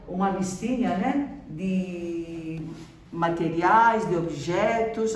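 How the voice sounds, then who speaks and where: A Brazilian woman teacher talks slowly and patiently through a school lesson, stopping often to check that the class follows. Her voice sits at a middle pitch and comes from some distance off the mic. The room gives it an echoey ring, with faint noise underneath. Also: darkish tone. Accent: Brazilian Portuguese. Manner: patient, checks in with "né?" and "certo?" after each point. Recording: roomy echo, voice from a distance, faint background noise.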